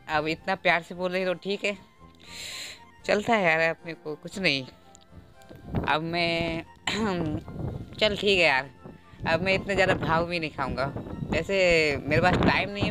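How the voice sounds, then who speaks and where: A man doing game playthrough commentary with amateur dubbing, joking and self-mocking, recorded on an earphone mic held close to his mouth. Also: a little high. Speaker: gaming YouTuber.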